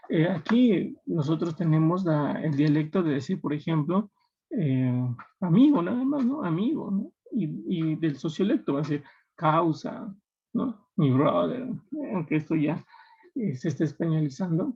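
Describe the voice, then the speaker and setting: A man's voice: a little high, husky. A man with a Peruvian Spanish accent teaching a class, explaining step by step and often checking in with his students. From Peru. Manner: explanatory, checking in with tag questions. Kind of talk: classroom lecture. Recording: dull lo-fi recording.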